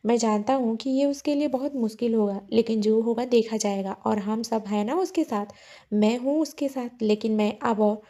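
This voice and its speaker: A woman voicing an earnest, gentle young husband in a spoken love story. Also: on the high side, fairly even intonation, normal speed, lightly acted. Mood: earnest, tender. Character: young man, caring husband.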